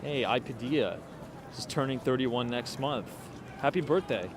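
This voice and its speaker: A man's voice: medium pitch, normal speed. Late-twenties male vlogger, casual walk-and-talk, street noise in the mix. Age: 20s. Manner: chatty, thinking aloud with fillers and asides to viewers. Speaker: livestream walking vlogger. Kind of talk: casual livestream chat while walking. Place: outdoors on cold city streets at night.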